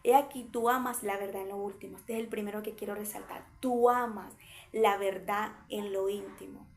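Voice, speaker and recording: A woman's voice: mid-range voice, fairly even intonation, normal speed. A woman preaching a sermon, reading scripture and explaining it with everyday examples, repeating phrases for emphasis.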